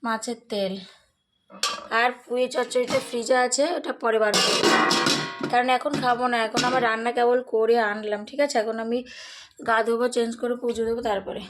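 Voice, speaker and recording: A middle-aged woman, slightly hoarse, chatting casually to viewers through a daily-routine vlog and often checking in with them. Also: on the high side, little pitch movement, brisk, music in the background. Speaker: vlogger.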